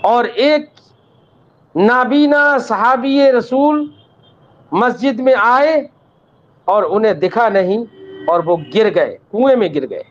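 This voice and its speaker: High-voiced man teaching religious law. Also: expressive, long pauses. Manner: recites Arabic text, then explains it patiently; addresses students as child, checks they understood. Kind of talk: Islamic law lesson. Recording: dull lo-fi recording.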